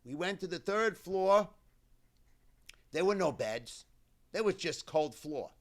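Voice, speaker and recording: A cantor giving a keynote address at a memorial gathering, retelling a survivor's story in the first person with a measured, deliberate delivery in short phrases. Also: male voice, high-pitched, lively intonation.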